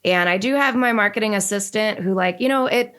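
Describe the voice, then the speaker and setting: A young woman from the Northeastern United States, chatting as a podcast guest, candid and lively with lots of fillers. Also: medium pitch, brisk. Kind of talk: casual conversation.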